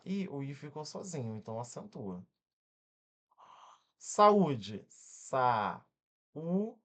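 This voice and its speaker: Brazilian male tutor, animated swooping delivery, punchy quick check-ins, breaks words into syllables. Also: medium pitch. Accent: Brazilian Portuguese. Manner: energetic, checks in often with quick questions. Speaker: exam-prep grammar teacher. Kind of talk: online exam-prep lesson.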